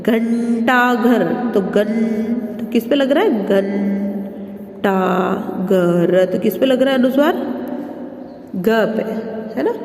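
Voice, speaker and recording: A woman's voice: fairly high pitch, a little mellow. A woman teacher giving a Hindi lesson to children, stretching out each example word as she pronounces it. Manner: slow, drawn-out pronunciation of example words. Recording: echoey room with long reverb.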